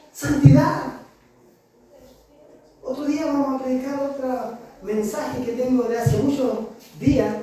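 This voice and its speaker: A man with a Chilean accent preaching a sermon, telling stories and asking the congregation rhetorical questions. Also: very high voice. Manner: animated storytelling with rhetorical questions and laughter. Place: church hall. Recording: very echoey hall, voice far from mic.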